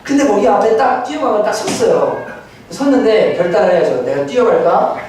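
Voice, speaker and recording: A man's voice: sits high, lively intonation, brisk, a little mellow. A male pastor giving a sermon, telling a personal story in a chatty way and building to fervent preaching. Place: church sanctuary. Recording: very echoey church hall, mic from a distance, faint noise.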